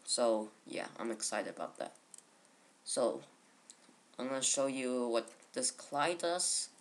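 A woman casually narrating a video game playthrough, her voice a little rough from having just woken up. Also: rumbling low, expressive. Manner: casual, unhurried chatter to viewers. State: voice a bit rough from just waking. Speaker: gaming channel host. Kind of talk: let's play commentary. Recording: loud game music underneath. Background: video game music.

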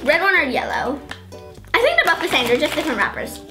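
A young woman hosting a casual snack taste-test vlog, giggly and excitable, slowly sounding out foreign labels. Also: sits high. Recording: echoey room with loud music underneath.

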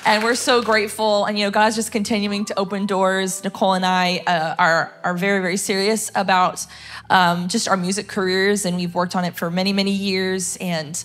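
Young woman singer, church testimony, mid-pitched voice, casual and chatty. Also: flat delivery, normal speed, a bit bright. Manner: chatty and conversational with many fillers.

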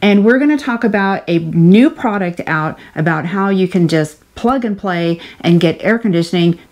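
A woman's voice: fairly low pitch, animated, moderate pace, darkish tone. A woman in her fifties co-hosting an RV vlog, chatting in an upbeat, enthusiastic way from inside an RV kitchen on a lapel mic. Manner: upbeat, enthusiastic, laughs often. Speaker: RV vlogger co-host. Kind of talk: casual explainer chat.

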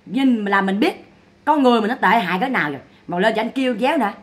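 A woman's voice: a little high, expressive, quick pace. A woman giving mocking, scolding gossip commentary. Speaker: online commentator.

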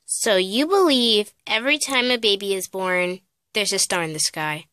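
A woman's voice: mid-range voice, normal speed, bright, forceful tone, smooth, dry recording, studio quality, voice pushed down, natural voice. A woman voicing a skeptical young man with a dismissive, sarcastic manner. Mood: scoffing.

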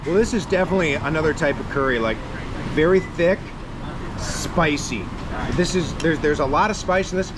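Excitable American man vlogging on a noisy street. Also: a little high, moderate pace. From United States. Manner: excited, joking, exclamatory. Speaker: food vlogger host. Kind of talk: casual vlog narration. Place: city street outdoors at night. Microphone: action camera held at arm's length. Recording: loud street noise behind.

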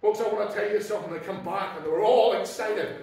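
A Northern Irish man, a pastor preaching an impassioned sermon that swings from soft asides to shouted exclamations. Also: high voice, fast. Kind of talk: fiery Pentecostal sermon. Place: church hall. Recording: very echoey hall from far off.

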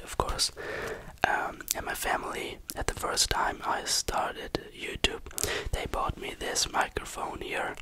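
An ASMR creator, very close to the microphone, whispers English answers to questions with a sharp tone, pausing and hunting for words.

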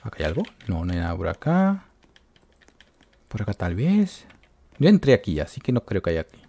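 Animated man yelping through gameplay. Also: fairly low pitch, moderate pace. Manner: animated, yelps and shrieks when caught, talks to viewers. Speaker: gaming YouTuber. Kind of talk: excited gameplay commentary.

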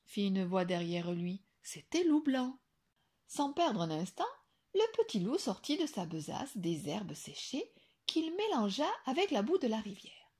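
A woman teacher reading a children's picture book aloud with expressive, animated storytelling. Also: medium pitch, unhurried, breathy edge.

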